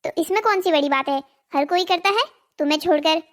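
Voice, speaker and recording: A woman's voice: very high-pitched, fast, fairly bright tone. A woman voicing a greedy, nagging village wife in a cartoon drama, scolding and pleading. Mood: complaining.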